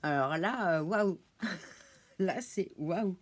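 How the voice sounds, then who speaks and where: A woman's voice: on the low side, animated, drawn-out words. A French woman chatting casually at home as she unboxes a witchcraft subscription box, hesitant, with many fillers and easy laughs. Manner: laughs easily while showing items. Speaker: unboxing vlogger.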